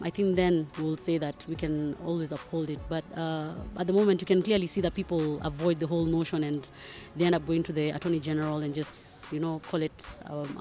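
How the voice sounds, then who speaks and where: A woman's voice: deep voice, a little mellow. Thoughtful young woman, handheld mic. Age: young adult. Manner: thoughtful, many fillers. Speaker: interviewee, student. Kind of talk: street interview answer. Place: outdoors among plants.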